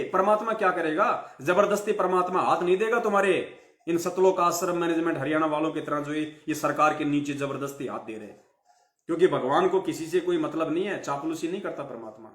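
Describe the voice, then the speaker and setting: A man's high, somewhat bright voice, lightly tinged, rings through an echoing room as he gives a fiery live devotional sermon. He scolds listeners, throws out rhetorical questions and repeats phrases for emphasis.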